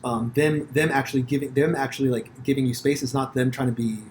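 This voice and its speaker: A man's voice: mid-range voice, steady tone, fast talker, a little mellow. American guy rambling and cussing through a story, lots of restarts, faint hiss behind. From United States. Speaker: podcast host. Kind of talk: casual conversation.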